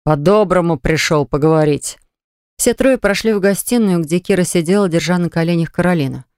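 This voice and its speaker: A woman narrating a novel aloud in an even, measured audiobook reading. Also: lowish voice, clear, resonant tone, no echo, clean studio sound. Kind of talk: scripted narration.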